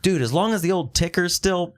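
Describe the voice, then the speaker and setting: A man's voice: high voice, brisk. A man in casual podcast chat, reflective and laid-back.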